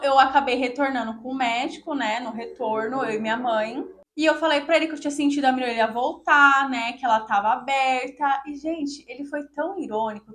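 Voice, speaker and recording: A young woman from Brazil telling viewers a personal story in a casual, emotional, indignant way, often addressing them directly. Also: on the high side. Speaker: vlogger.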